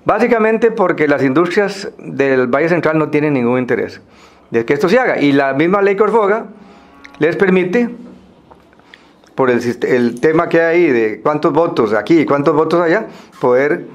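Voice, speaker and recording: A Costa Rican man speaking semi-formally to a group, explaining things in a halting way with pauses and repeated words. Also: fairly high pitch, animated, dull audio.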